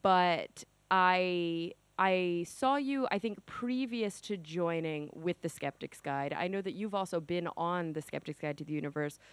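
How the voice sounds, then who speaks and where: A woman's voice: fairly low pitch, clean tone, no echo. Upbeat woman podcast host, dry sound. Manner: brisk and upbeat, quick asides. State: a bit under the weather. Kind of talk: podcast intro and interview. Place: at a conference venue.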